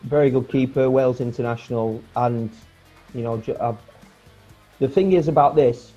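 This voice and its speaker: A former footballer in his forties joins a video call as a guest from a room at home, chatting in a relaxed, rambling way full of fillers and restarts. His voice sits in the mid range at a normal speed. The earphone mic gives dull, lo-fi call audio with faint music behind it.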